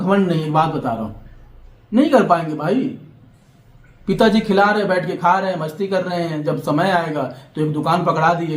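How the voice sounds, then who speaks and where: A young man from Bihar, India, with a somewhat high, reverberant voice, vlogs straight to camera. His monologue is heated and defiant, lecturing the audience and repeatedly checking that they follow him.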